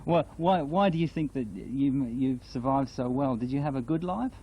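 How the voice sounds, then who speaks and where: Male interviewer, medium pitch, casual gentle questioning, muffled field recording with faint noise. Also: normal speed. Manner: frequent acknowledgements, gentle questioning. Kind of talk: casual oral history interview. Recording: dull, noisy field interview tape.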